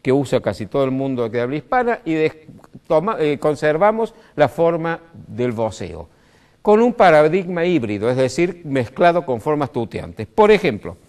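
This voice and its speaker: A man's voice: on the high side, big pitch swings, moderate pace, darkish tone. An Argentine man with a Córdoba accent, explaining grammar in a didactic way, full of "este" fillers and rising stresses. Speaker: speaker on language. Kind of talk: explanatory talk.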